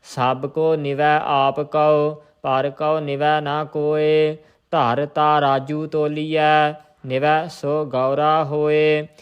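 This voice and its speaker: Male recitation teacher, measured and monotone chant, fairly high voice. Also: clear, resonant tone, lo-fi sound. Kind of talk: slow scripture recitation with pronunciation tips.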